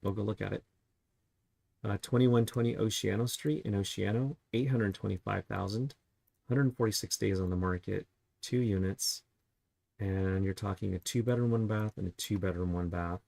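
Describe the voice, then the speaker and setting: A real estate agent, a man with a deeply gravelly voice, chats his way through property listings. His tone is husky and fairly low, and he keeps posing rhetorical questions. The sound is dry and close, with no room around it. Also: fairly even intonation, normal speed, a little mellow, dry recording. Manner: chatty, asks rhetorical questions. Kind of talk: casual market review while browsing listings.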